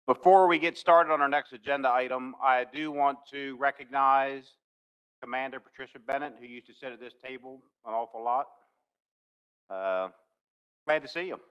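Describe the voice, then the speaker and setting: Man with a smooth voice chairing a meeting. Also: medium pitch, normal speed, dull audio. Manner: courteous, procedural. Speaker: council chair. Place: council meeting room.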